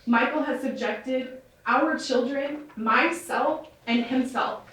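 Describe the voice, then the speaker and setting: A nervous woman reads a formal victim statement in a courtroom, her voice slightly high. The courtroom recording is heavily echoey, with the mic distant and a faint hiss underneath. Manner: measured and formal, with soft fillers. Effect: courtroom audio recording. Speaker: victim giving an impact statement. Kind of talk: reading a prepared statement aloud.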